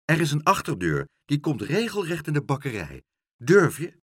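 Man voicing a lively young girl, high, excited, husky edge, storybook. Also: moderate pace, no echo, studio quality, heavily acted. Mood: eager. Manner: eager, excited.

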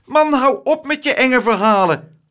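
Man voicing a storybook spinster lady, fussy, excitable, shrill, loud, very high-pitched. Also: a little fast, heavily acted. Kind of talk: storybook reading.

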